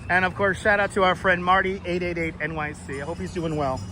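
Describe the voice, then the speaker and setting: Brooklyn guy livestreaming on the street, high bright voice, salty and repeats himself, bit of traffic noise. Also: level tone, brisk. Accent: Brooklyn New York. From New York City. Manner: repeats phrases, blunt, salty language. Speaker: live streamer and host. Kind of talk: casual street livestream chat. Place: outdoors on a Manhattan street. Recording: outdoor city street, clear traffic noise.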